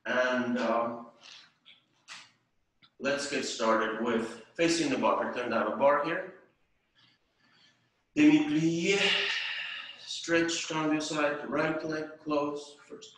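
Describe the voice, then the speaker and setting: A man's voice: on the high side, fairly even intonation, takes it slowly, pauses often, a bit bright. An older man, teaching a ballet class at home and counting out the beat. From Estonia. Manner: counts rhythmically and sings out the beat. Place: home room with tiled floor. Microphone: far camera. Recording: echoey room from far off.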